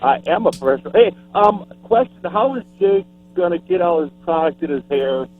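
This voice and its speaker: A man's voice: high voice, animated, brisk. A male caller on a poor flip phone line, teasing the hosts in a chatty way. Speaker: radio caller. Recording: tinny crackly cell phone call.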